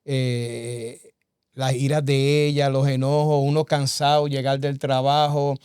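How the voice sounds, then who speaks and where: A man's voice: medium pitch, flat delivery, takes it slowly, darkish tone, clean tone, dry recording, studio quality. Earnest man giving a spoken testimony. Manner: earnest, storytelling with many "verdad" and "eh" fillers. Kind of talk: conversational testimony.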